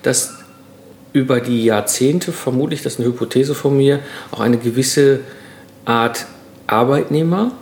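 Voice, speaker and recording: A man's voice: medium pitch, a little slow, a little mellow, echoey room, a little hiss or hum. A middle-aged man, a podcast guest, explaining his thoughts at length in a reflective way, with fillers and restarts. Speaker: podcast guest, solo entrepreneur. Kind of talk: casual conversational interview.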